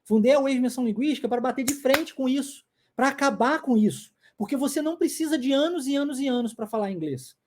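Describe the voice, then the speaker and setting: A man's voice: very high voice, lively intonation, quick pace, hardly any pauses, noisy background. A man in his forties with a Brazilian Portuguese accent, an English teacher giving an insistent, emphatic video lesson and drilling English phrases by repeating them. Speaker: English teacher and language school founder.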